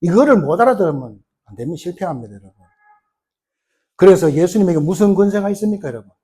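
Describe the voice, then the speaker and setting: A male pastor preaching a sermon in an animated way, firing rhetorical questions at the congregation. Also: high-pitched, fast talker, husky.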